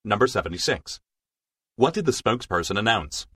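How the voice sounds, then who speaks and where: A man reading scripted exam narration as a test narrator, in a formal, measured way. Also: on the low side, sing-song, pushed and bright, breathy edge, dry recording.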